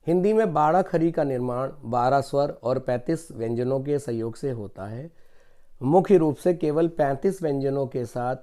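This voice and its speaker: A man's voice: medium pitch, mellow. A male teacher giving an online lesson on reading syllables, explaining patiently and reciting each sound one by one. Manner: slow, deliberate syllable-by-syllable recitation.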